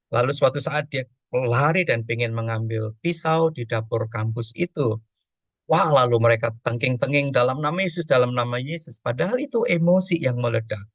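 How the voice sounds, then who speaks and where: A man's voice: medium pitch, no echo. A man, a pastor, teaching on emotions and prayer, telling a story and acting out prayers and dialogue.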